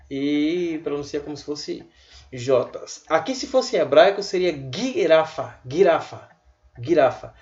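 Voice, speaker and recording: A man giving a casual online language lesson, chatty and repeating words slowly for his students. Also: on the high side, a little mellow, muffled recording. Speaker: language teacher.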